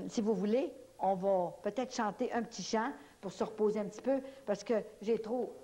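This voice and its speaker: At a church prayer evening, a Québécois French-accented woman shares her testimony with warmth, speaking at normal speed in a medium pitch. Her storytelling is vivid, and she performs the conversations she describes.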